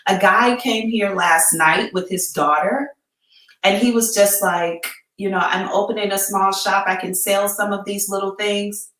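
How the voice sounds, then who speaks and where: An echoey, distant recording of an American woman with a bright voice. She chats informally and candidly as a live-stream psychic host, using slangy phrasing in what sounds like an empty room. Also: medium pitch, steady tone, a little slow. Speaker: psychic reader hosting a live advice show. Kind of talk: casual live-stream chat. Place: emptied-out room indoors.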